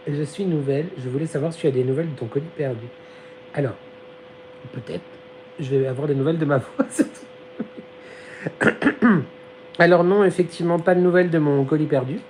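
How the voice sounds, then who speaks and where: A man's voice: on the high side, moderate pace, pauses often, darkish tone, a little hiss or hum, low-quality recording. Man losing his voice on a casual live stream. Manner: chatty, giggly, slangy. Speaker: live-stream host reading chat. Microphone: phone. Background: fan humming behind the phone.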